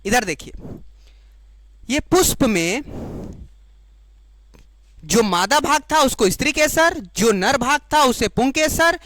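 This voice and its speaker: A woman teaching biology to exam students, repeating each key term slowly and checking that the class follows. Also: high voice, lively intonation, a bit bright, a little hiss or hum. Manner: explains in Hindi, giving the English term for each.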